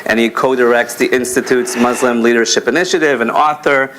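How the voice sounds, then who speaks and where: A young man moderating a conference panel, talking in a loose, chatty way full of fillers and restarts. His voice is bright and forward. A faint hiss sits under the recording. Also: medium pitch, fairly even intonation, brisk, rough recording. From born in America, grew up in Israel.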